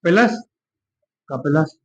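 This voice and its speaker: A man's voice: on the high side, expressive, slow, fairly bright tone, breathy edge. A man teaching a maths lesson step by step, patient and reassuring, talking through each calculation aloud. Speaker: maths tutor. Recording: dull lo-fi sound.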